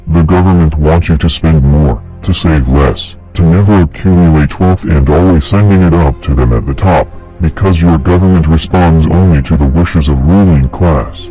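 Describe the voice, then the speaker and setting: A man with a disguised, pitched-down deep voice, delivering a grave, accusing scripted address as an anonymous narrator. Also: moderate pace, few pauses, warm tone, slightly rough. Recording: dull lo-fi audio with faint music.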